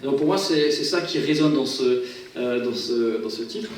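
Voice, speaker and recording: Heard from far off in a very echoey church hall with faint noise and music behind him, a guest singer introduces his song in a relaxed, talkative way. He keeps restarting sentences and repeating words, his medium-pitched voice at a moderate pace.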